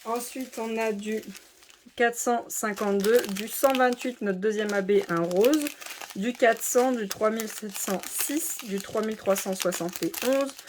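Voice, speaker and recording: A woman hosts a casual unboxing of a craft kit, speaking straight to her viewers. She works through long lists of numbers and points out spots one after another in a steady, methodical way. Packaging crinkles now and then in the background. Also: on the high side, measured pace, background noise. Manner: chatty, addresses viewers directly. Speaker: diamond painting channel host.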